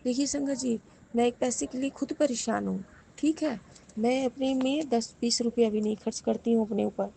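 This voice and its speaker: A woman's voice: on the high side, normal speed, creaky, warm tone, a little hiss or hum. A woman sharing a devotional testimony with the congregation, fervently and repeatedly giving thanks to her guru. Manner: addresses listeners directly as the congregation.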